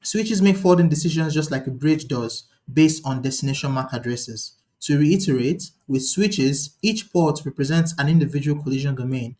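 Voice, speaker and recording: A man teaching a live online lecture, talking quickly and thinking aloud, often restarting his sentences. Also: on the high side, a little mellow. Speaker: instructor.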